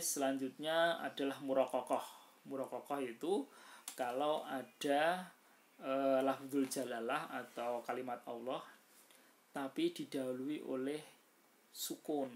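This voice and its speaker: A man gives a relaxed recitation lesson, moving slowly through each rule. He chants his example words louder and stretches them out, and he explains in between with frequent hesitant fillers. His pitch sits in a middle range. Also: slight background noise. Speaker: Quran recitation teacher. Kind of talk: casual tajwid lesson.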